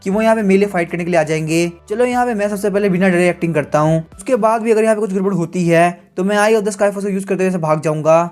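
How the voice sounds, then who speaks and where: A man's voice: high voice, rapid-fire, hardly any pauses, a little mellow, soft background music, close to an everyday voice. A man voicing an arrogant young prince, a god's disciple, in a smug, taunting manner.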